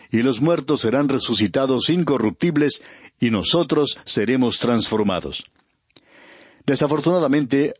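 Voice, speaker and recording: A man giving a radio Bible teaching, reading scripture and explaining it in a measured, earnest way, speaking directly to the listener. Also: mid-range voice, breathy edge, dry recording.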